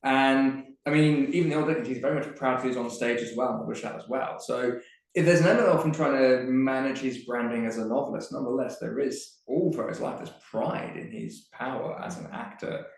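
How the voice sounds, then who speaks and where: Halting man in a very echoey room. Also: mid-range voice. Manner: thinks aloud with frequent restarts. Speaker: panel speaker on Dickens's plays. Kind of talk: live panel discussion. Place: museum event room.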